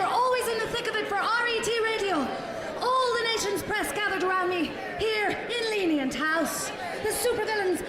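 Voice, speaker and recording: Brief: woman voicing a very high-pitched reporter, echoey hall. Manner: breathless live reporting, rambling. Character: gutsy young woman radio reporter. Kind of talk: comic radio play. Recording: echoey hall with a loud crowd.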